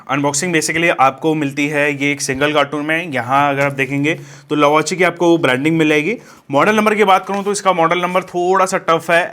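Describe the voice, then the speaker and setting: A man's voice: a little high, bright, forceful tone. A man casually reviewing and unboxing a speaker, talking to viewers as friends and using plenty of fillers. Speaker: DJ equipment vlogger.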